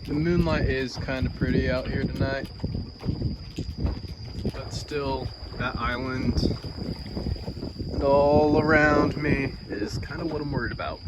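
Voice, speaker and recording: Worn out young guy talking real slow on his boat at night, rambly, noisy outdoor phone audio w/ water and crickets. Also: medium pitch. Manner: tired, slow, rambling with fillers and swearing. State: sleep-deprived. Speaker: vlogger. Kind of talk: casual vlog narration. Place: small sailboat anchored by an island at night, outdoors. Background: water, boat sounds and crickets.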